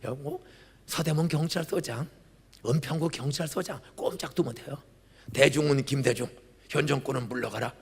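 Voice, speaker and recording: Raspy older pastor preaching in a hall. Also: male voice, medium pitch, moderate pace. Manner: dramatic storytelling with sudden loud bursts and acted-out dialogue. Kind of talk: sermon. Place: large church sanctuary. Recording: church hall reverb.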